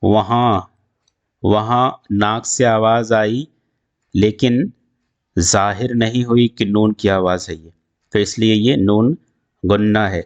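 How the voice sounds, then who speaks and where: A man teaching an Urdu grammar lesson, explaining slowly and repeating himself with restarts, with an Indian Urdu accent. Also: on the low side, fairly even intonation, dull audio. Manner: slow, repetitive explaining with restarts.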